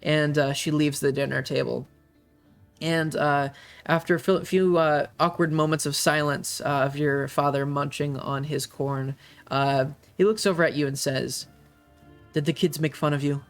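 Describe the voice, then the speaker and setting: A game master narrating a tabletop game in a hesitant way, with many pauses and fillers. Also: medium pitch, steady tone, soft background music.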